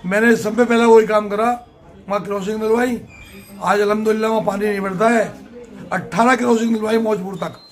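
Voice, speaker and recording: An older man answers interview questions in a plain, emphatic way, often saying a point twice. His voice sits high for a man. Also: steady tone, brisk. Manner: plain-spoken, emphatic, repeats himself. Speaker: political candidate.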